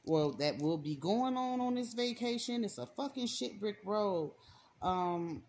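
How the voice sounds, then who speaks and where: A woman with a medium-pitched, darkish voice reads spiritual cards, speaking at a measured pace with lively intonation, over a little hiss or hum. Her talk is casual, slangy, and repetitive for emphasis, aimed right at the viewer. She sits indoors at a table with her hands and cards on camera.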